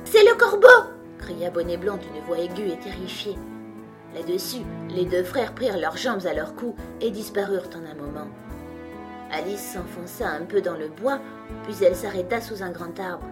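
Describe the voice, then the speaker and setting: A woman narrating a children's storybook in a gentle, measured, soft-spoken way. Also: lowish voice, music in the background. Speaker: audiobook narrator.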